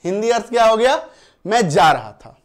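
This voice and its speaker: A man's voice: sits high, very animated, moderate pace. A male English grammar teacher explaining rules in a Hindi-medium lesson, repeating each point and often checking that students follow. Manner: reassuring, plain explanations.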